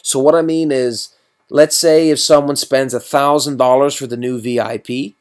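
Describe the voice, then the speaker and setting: A man's voice: mid-range voice, fairly even intonation, normal speed, a little mellow, smooth. A man hosting a mobile game channel, giving loose, profane, rambling gameplay commentary after a night out drinking.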